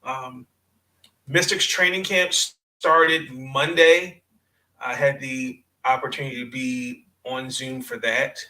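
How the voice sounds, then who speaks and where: A male sports podcast host with a bright, forceful voice of medium pitch. He talks casually and off the cuff. His delivery is halting, and he often repeats a phrase before moving on. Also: fairly even intonation, rough recording. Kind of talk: casual unscripted sports talk.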